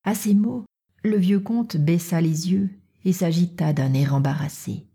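Soft, breathy woman narrator. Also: fairly low pitch, unhurried. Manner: soft, often half-whispered reading. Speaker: audiobook narrator. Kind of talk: scripted narration.

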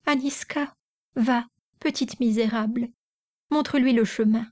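A woman voicing a distraught young mother who wails and pleads in a high, tearful voice. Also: steady tone, measured pace, darkish tone, natural voice. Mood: pleading.

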